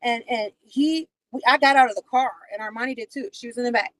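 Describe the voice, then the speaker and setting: A woman with a fairly high voice, recounting a story to her livestream viewers. She tells it in an animated way, swearing freely. The sound is dry and close, with no room echo. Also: quick pace. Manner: profane, animated retelling. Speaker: livestream host. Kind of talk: casual storytelling.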